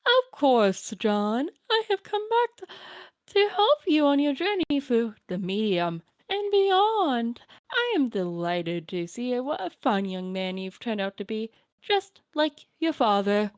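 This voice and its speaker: A woman's voice: on the high side, big pitch swings, takes it slowly, no room sound, clean studio sound. A woman voicing a doting, clownish ghost grandmother sprite in a quavering old-lady voice with a hooting laugh. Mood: grand.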